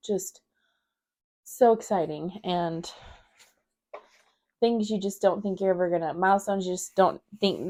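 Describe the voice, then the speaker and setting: A woman's voice: on the low side, a little mellow. A young woman vlogger talking casually to camera while budgeting, chatty and rambling with lots of fillers, her voice thick with emotion. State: emotional, close to tears.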